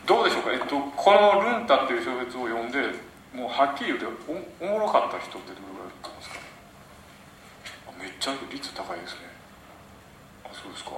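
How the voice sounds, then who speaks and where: Man with an Osaka accent, novelist lecturing to a live crowd; quick, animated, bright-toned delivery, heard from a distance in a very echoey room. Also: on the low side, slight background noise. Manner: chatty and animated, many fillers, quizzes the audience. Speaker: novelist giving a talk.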